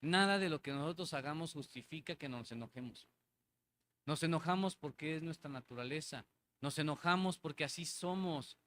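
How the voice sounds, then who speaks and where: Man preaching with fairly high voice. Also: normal speed, fairly bright tone, a little hiss or hum. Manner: conversational, asks the congregation for agreement; repeats phrases for emphasis. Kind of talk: sermon. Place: church hall.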